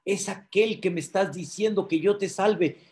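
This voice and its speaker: A man voicing God as a voice from heaven, firm and insistent in his commands, pitched above his own voice. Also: moderate pace, darkish tone. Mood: calm firm.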